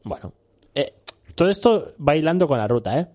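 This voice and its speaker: A man's voice: on the high side, very animated, fairly quick, warm tone. A young man from Spain, co-hosting a casual chat and telling a rambling story, often laughing and saying "tío". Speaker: co-host.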